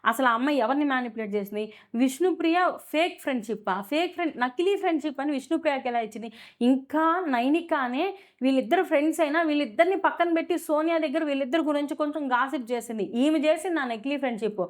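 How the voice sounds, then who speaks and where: A woman's voice: high-pitched, fast talker. A woman giving a casual, opinionated review of a reality show, full of fillers and rhetorical questions.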